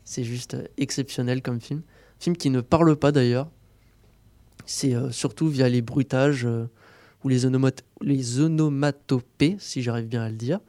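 A man giving a casual film review on a campus radio show, pausing often with fillers and restarting his sentences. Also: medium pitch, fairly even intonation, mellow, no room sound. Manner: hesitant, many fillers and restarts. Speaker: film columnist. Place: radio studio.

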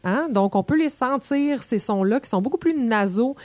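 Québécoise enjouée qui explique. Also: female voice, a little high, animated, moderate pace, darkish tone, no room sound. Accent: Québécois French. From Quebec. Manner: playful, demonstrates sounds with examples. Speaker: presenter. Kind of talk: explanatory talk on language.

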